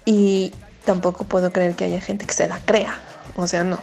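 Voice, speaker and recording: Radio co-host, woman, chatty storyteller, dark gravelly tone. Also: lowish voice, moderate pace, faint music behind, poor audio. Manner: chatty, animated storytelling with many fillers. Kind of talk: casual radio commentary and anecdote.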